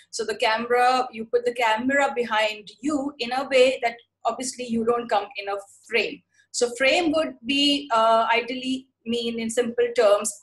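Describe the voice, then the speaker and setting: Woman webinar presenter, Indian English accent, brisk delivery with fillers, a touch high-pitched, video call. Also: low-quality recording. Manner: fast-paced explanatory talk with many fillers. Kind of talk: online lecture.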